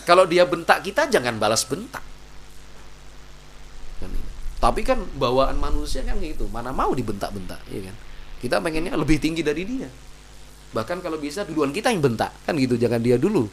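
A man's voice: sing-song, brisk, slight background noise. Male preacher. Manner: conversational, asks the audience rhetorical questions; acts out quoted people with loud, high outbursts. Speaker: Islamic preacher. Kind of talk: casual religious lecture.

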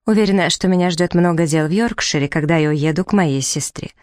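A woman reading the part of a proud, spirited young woman who speaks in a sharp, indignant way. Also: lowish voice, fast, no room sound, studio quality, close to an everyday voice.

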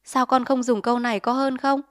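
A woman's voice: high voice, flat delivery, brisk, no echo, clean studio sound, pitched above the performer's own voice, close to an everyday voice. A woman reading a reproachful mother. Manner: questioning, scolding. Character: fussy, reproachful middle-aged mother.

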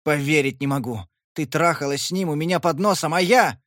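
A man voicing a jealous, volatile young man who shouts accusations. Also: a little high, fairly quick, no room sound, clean studio sound, natural voice. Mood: furious.

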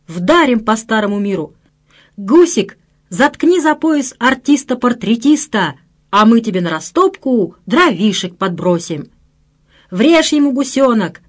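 A woman voicing a rowdy mob of male extremists who shout drawn-out slogans. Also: a little high.

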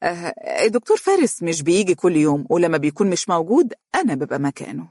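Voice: mid-range voice, big pitch swings, quick pace, a little mellow, no echo, clean studio sound. A narrator voicing a scheming, haughty young woman lawyer in Egyptian Arabic for an audiobook. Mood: smooth. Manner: smooth, confident, haughty.

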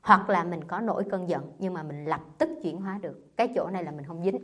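A woman's voice: lowish voice, quick pace, fairly bright tone. A woman, a Buddhist nun giving a conversational dharma talk and quizzing her listeners with rhetorical questions. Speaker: Buddhist nun teaching sutra class. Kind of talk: dharma talk to a live audience.

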